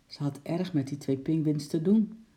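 Dark-toned man reading a children's story. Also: a little high, normal speed. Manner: lively storytelling with character voices. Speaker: narrator.

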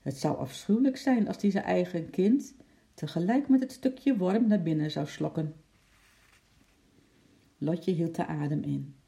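Children's story reader, gravelly voice, very dark tone, lively sound effects. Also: medium pitch, unhurried, long pauses.

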